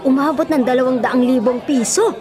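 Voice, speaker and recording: Playing a kind but worried older mother in a radio drama, a woman with a Filipino accent sounds gentle, fretful and given to exclaiming. Her natural voice sits high and runs a little fast. Music and crowd noise play behind her.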